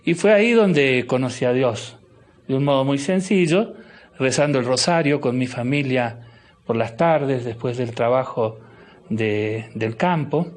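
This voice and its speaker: A middle-aged man with an Argentine accent, a bishop answering interview questions slowly and thoughtfully, with many restarts and fillers. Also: mid-range voice. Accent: Argentine Spanish. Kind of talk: interview guest.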